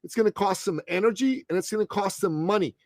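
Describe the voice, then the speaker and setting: Fast and high-pitched, this man is heard on a dry recording. He is a Middle Eastern success coach in his late fifties, delivering a punchy, emphatic podcast interview in which he calls the host "man" and "brother."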